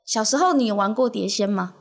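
A young woman co-hosting a podcast, telling a ghost story in a lively, animated way. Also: mid-range voice, fairly quick. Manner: animated storyteller who acts out the characters. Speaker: podcast co-host.

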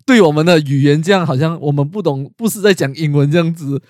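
A man co-hosting a podcast in relaxed, casual chat. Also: on the high side, fast, dry recording, studio quality. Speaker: podcast co-host.

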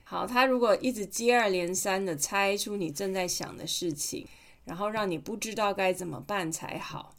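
A mother reads a storybook aloud on her podcast, chatting playfully with her children. Her voice is mid-pitched with a gravelly fry. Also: normal speed, fairly bright tone. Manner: playful, chatty, asks questions. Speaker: mother reading a picture book to her children.

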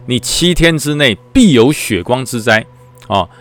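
A man with a Taiwanese Mandarin accent voicing an old temple keeper who tells fortunes, drawing out his dire warnings slowly. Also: mid-range voice, animated, fairly bright tone. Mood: ominous. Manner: slow, drawn-out warnings of doom.

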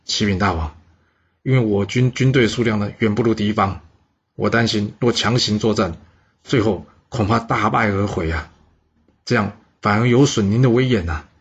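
A cautious general urges and argues in a persuasive rush, as a man voices him. His voice is low and husky. The recording sounds dull. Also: normal speed. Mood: urging. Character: cautious, scheming older brother, a general.

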